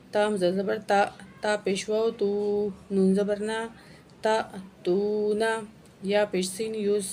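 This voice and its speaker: Flat-voiced woman teaching Quran reading. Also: mid-range voice, a little hiss or hum. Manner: slow, drawn-out syllable-by-syllable drilling with brisk explanations. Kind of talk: spelling out Arabic letters and syllables for a beginner reading lesson.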